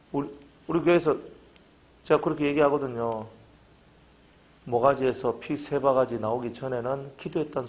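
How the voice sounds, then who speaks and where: A middle-aged male pastor, preaching a fervent sermon full of hammering rhetorical questions. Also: medium pitch.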